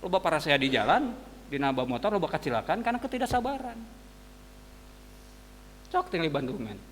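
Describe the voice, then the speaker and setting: A man with a Sundanese accent preaching a dawn sermon to students, telling lively everyday stories. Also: fairly high pitch, big-room sound, a little hiss or hum. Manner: animated storytelling, mixing casual asides and quick sound words. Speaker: religious teacher. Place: mosque hall.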